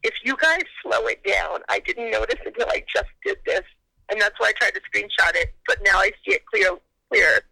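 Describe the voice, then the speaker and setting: A woman caller heard over a phone on speaker, talking in an excited, rushed and spooked way. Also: mid-range voice, gravelly, dry recording, rough recording. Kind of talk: casual phone call.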